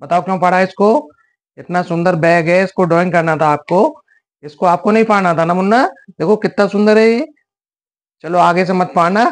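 A man's voice: sits high, moderate pace. A man hosting a kids' coloring lesson, talking in a soothing, coaxing, sing-song way to children. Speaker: children's drawing channel host. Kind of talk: acted skit and coloring lesson for kids.

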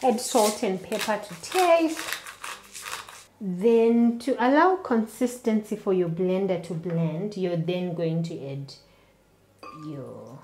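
A woman's voice: medium pitch, echoey room, noisy background. A woman in her thirties hosting a cooking show, giving step-by-step recipe instructions from her home kitchen. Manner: slow, steady instructional delivery. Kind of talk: cooking demonstration to camera.

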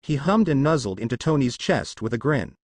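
A man narrating a fan fiction story aloud in an expressive storytelling manner. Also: mid-range voice, fairly quick, no echo.

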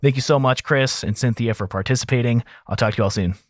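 A thirties-aged audio engineer who hosts a mixing series gives a casual tutorial in a small home studio. His medium-pitched voice moves fast and sounds dry, captured close on a large broadcast mic mounted on an arm.

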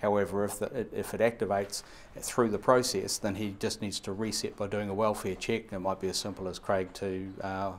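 Speaking on the low side with a level tone, a man in his fifties from New Zealand answers interview questions as a radio equipment supplier. The lapel mic recording from an indoor showroom has slight background noise, and his explanations run fast and long with many fillers and restarts.

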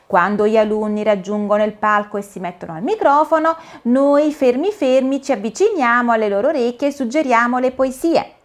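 A woman's voice: on the high side, brisk, few pauses, voice pushed up, close to an everyday voice. A woman voicing a polite, earnest little male caterpillar who speaks in a solemn, careful storybook manner.

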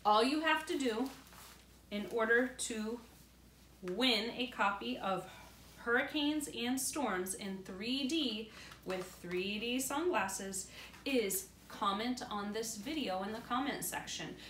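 A middle-aged teacher slowly reads a picture book to her young students, pausing to explain it in a fairly high, slightly bright voice. The recording comes from a camera a few feet away in a room at home by a glass door, with a roomy echo and faint room noise.

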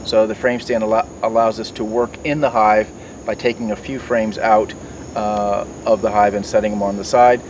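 A man's voice: lowish voice, little pitch movement, moderate pace. A middle-aged man in a garden, explaining beekeeping tools step by step with many fillers and restarts. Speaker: beekeeping mentor. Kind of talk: outdoor demonstration. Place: outdoors by garden foliage. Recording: distant mic, outdoor noise.

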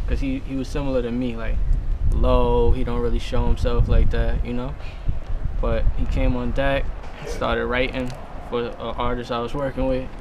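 Calm young man with music behind. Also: medium pitch. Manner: calm, reflective, slangy. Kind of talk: casual interview talk.

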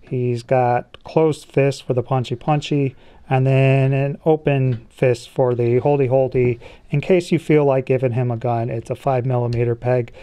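A mellow, warm-toned man chats casually through a toy review, joking as he goes. He sounds relaxed and easy, describing each joint and piece while he handles the figure at a small studio table. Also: medium pitch, measured pace, clear, resonant tone.

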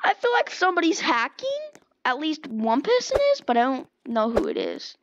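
A high, bouncy woman's voice narrates her game as she plays, swinging from low mutters to sudden excited squeals. The commentary is casual and excitable, with a faint hiss of background noise. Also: moderate pace, highs cut off. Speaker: gaming video host.

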